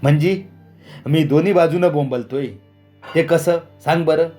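A man voicing an angry, domineering older village landlord who shouts and sneers in a raised voice. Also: a little high, normal speed, faint music behind, pitched above the performer's own voice, lightly acted. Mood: mocking. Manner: shouting, scornful, bullying.

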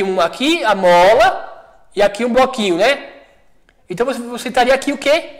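A man with a Brazilian Portuguese accent, a studio teacher working through a high school physics exercise, chatty and checking often that students follow. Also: rough recording. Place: classroom studio.

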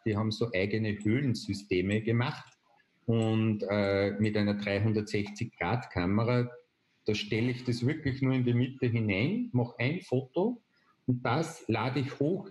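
A man, explaining a software tool step by step on a video call, with frequent hesitation fillers. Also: medium pitch. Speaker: presenter. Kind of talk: online webinar demonstration. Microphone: video call webcam.

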